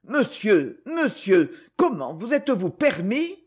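A man with a husky voice voicing a gentle elderly grandfather who speaks tenderly and with agitation. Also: high voice, very animated, takes it slowly, full character voice. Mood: distraught.

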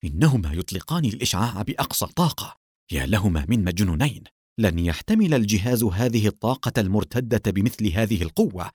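A brave young hero, as a man plays him in an audiobook, calm and quick-witted under threat. He speaks steadily and bluffs with a level, composed voice. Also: fairly low pitch, breathy edge, dry recording, studio quality. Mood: tense. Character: brave young male hero, cool and cunning.

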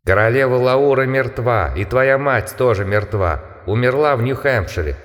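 A man reading an audiobook, voicing a sneering monstrous creature that poses as a schoolboy and shouts taunts. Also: mid-range voice, lively intonation, moderate pace, long reverb tail, natural voice. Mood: taunting. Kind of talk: audiobook character voice.

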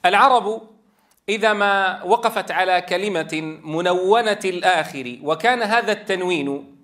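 Drawing out vowels to demonstrate, a man teaches a tajweed lesson on Quran recitation, explaining patiently and repeating key phrases. His voice is high with a sharp tone.

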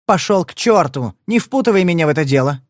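A man's voice: on the high side, animated, fast, no echo, clean studio sound, pitched above the performer's own voice, lightly acted. A male reader voicing a furious young gangster's woman who shrieks and mocks. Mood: shrill, scornful. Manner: shrieking, scornful.

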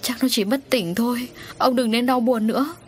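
A woman's voice: fairly high pitch, moderate pace, slight background noise, voice pushed up, natural voice. A woman voicing a middle-aged wife who soothes her husband, in an audio story. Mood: soothing.

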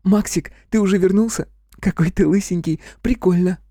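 A woman's voice: on the low side, normal speed, mellow, no room sound, studio quality, close to an everyday voice. A woman voicing a chirpy, capricious young sister and her girlfriends in an audiobook. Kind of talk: audiobook dialogue acting.

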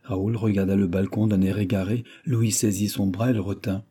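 A man voicing a lively, mocking young lady-in-waiting in an audiobook reading of a classic novel. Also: fairly low pitch, moderate pace, breathy edge. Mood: playful. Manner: mocking, playful.

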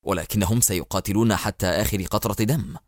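A man voicing a deferential male war minister, speaking low, hushed and respectful. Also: fairly quick, no echo, clean studio sound, lightly acted.

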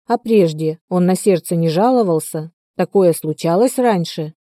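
A woman voicing a young woman with nurse training who speaks briskly and firmly. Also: on the low side, warm tone, no echo, studio quality, natural voice. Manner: brisk, commanding.

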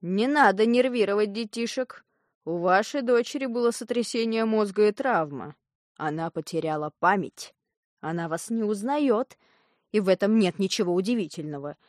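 A woman's voice: mid-range voice, animated, moderate pace, no echo, studio quality, natural voice. A woman voicing a bossy, scheming male doctor who gives curt orders in an audiobook. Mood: falsely soothing. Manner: curt and commanding. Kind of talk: audiobook reading.

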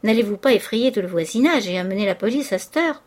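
A fussy widowed landlady, voiced by a woman reading a novel, protests in a shrill, indignant way. She sounds money-minded and easily put out, in an audiobook. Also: lively intonation, quick pace, a little mellow, natural voice.

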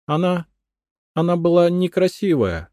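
Brief: a shrill, paranoid housewife, very high and frantic, for an audiobook. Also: female voice, sing-song, a little slow, warm tone, no room sound, clean studio sound. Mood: shrill, unhinged. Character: hysterical paranoid housewife, shrieking and unhinged.

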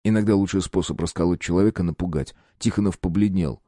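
A male narrator reading a first-person story in a steady, measured way. His voice sits low with a dark, mellow tone. The recording is dry and close. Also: no room sound. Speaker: audiobook narrator.

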